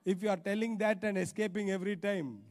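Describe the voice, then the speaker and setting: Speaking quickly with fairly even intonation, a middle-aged Indian-accented man preaches forcefully, using repetition for emphasis. His pitch is high and his tone darkish. The setting is a big church auditorium stage, where his handheld microphone picks up a reverberant hall sound.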